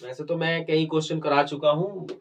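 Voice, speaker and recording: A man's voice: on the high side, level tone, fairly quick, distant mic. A man explaining maths problems step by step in a video lesson, conversational and often checking whether the students follow. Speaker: maths teacher.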